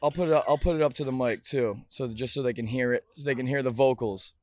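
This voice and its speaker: A man hosting a casual podcast chat in a restaurant, animated and getting loud and high when excited. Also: quick pace, no echo. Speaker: podcast host.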